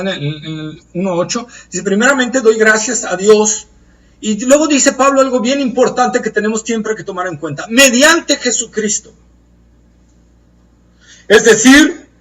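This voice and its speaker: A man preaching a Bible study sermon, earnest and emphatic, slowing down to stress key phrases. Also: high voice, fairly bright tone, distant mic.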